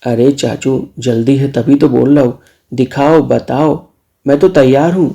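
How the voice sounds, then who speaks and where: A man's voice: mid-range voice, fairly even intonation, measured pace, vocal fry, warm tone. Man doing a cheeky young nephew. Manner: cheeky, defiant.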